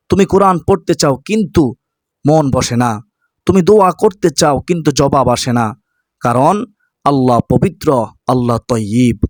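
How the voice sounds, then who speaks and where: A man's voice: medium pitch, no room sound. A man preaching a sermon, earnestly urging listeners and addressing them directly. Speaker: Islamic preacher.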